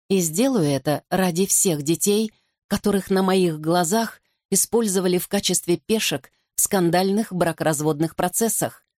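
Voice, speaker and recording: A woman reading a first-person audiobook narration in a measured, composed manner. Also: on the low side, darkish tone, no room sound, studio quality.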